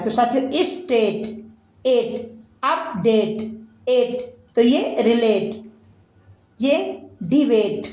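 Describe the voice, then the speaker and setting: Woman teacher spelling out words real slow, bit high voice, echoey room. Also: darkish tone. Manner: addresses listeners as friends. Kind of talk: pronunciation lesson.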